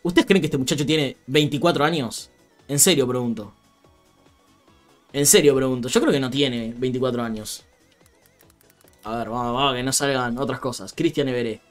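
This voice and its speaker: A man's voice: medium pitch, normal speed, long pauses, faint music behind. A young man with a Rioplatense Spanish accent, chatting casually about football on a live stream, laughing often and reading out viewer comments.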